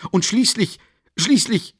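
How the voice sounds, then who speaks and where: A man reading an audiobook, voicing a pompous, offended middle-aged gentleman who speaks haughtily and indignantly. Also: sits high, lively intonation, slow, breathy edge, no echo, studio quality, voice pushed up, full character voice.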